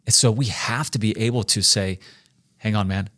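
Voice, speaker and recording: Man, 40s, emphatic podcast co-host; low voice, dry close recording. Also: normal speed, fairly bright tone, no echo. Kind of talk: faith-based leadership discussion.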